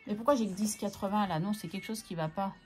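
A woman vlogging casually as she sorts her budget, chatting to herself and counting out loud. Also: mid-range voice, fast, faint music behind. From France. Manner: talks to herself, scolds herself by name, counts aloud. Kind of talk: casual chatty talk to camera while counting money.

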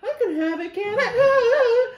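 A young man putting on the high, strained, tearful whine of an overgrown child pleading with his pet. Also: expressive, slow, highs cut off, heavily acted. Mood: whiny pleading. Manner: whining, pleading. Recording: roomy kitchen sound with music behind.

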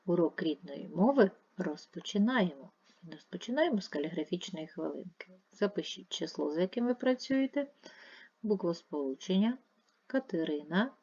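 Woman teacher doing a kids video lesson, kinda husky, muffled lo-fi sound, stretches out the syllables. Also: lowish voice, mellow. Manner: clear, drawn-out stressing of syllables. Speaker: primary school teacher.

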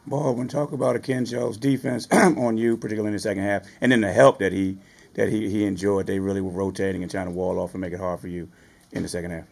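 A man's voice: lowish voice, fairly even intonation, fast, gravelly, darkish tone. A man, a reporter, asking direct questions at a press conference.

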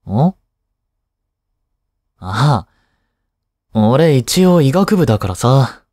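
Here the same young male tutor character is heavily acted: a man's soft, mellow, mid-pitched voice turns very animated yet extremely slow, with no room sound in the dry recording. Relaxed and teasing, he soothes and lightly scolds with care in this intimate one-sided drama made for women.

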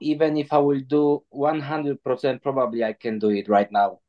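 A man joins the call from his phone, and his voice comes through dull and lo-fi. He talks in a halting way, often stopping to search for words as he answers. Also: mid-range voice, flat delivery. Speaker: guest athlete. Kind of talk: casual interview answers. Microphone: phone on a video call.

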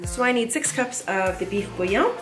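A lifestyle vlogger in her thirties cooks dinner in her home kitchen, chatting to the camera in an upbeat, playful way with slangy asides. Her voice is on the high side with lively intonation and a moderate pace, and the roomy kitchen carries faint music.

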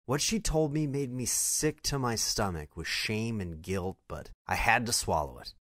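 A man's voice: on the low side, lively intonation, normal speed, fairly bright tone, no room sound, clean studio sound. A man reading a scripted first-person story in a confessional tone.

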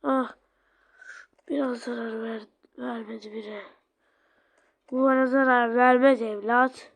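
A woman voicing a cold, taunting ragdoll killer in a low, hushed whisper. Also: flat delivery, measured pace, gravelly.

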